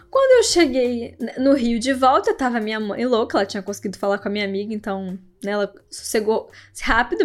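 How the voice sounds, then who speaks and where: A young woman, telling stories to her viewers in a chatty, animated way, laughing as she goes. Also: sits high. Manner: chatty, animated, laughing, quotes people in raised voices. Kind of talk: casual storytelling to viewers.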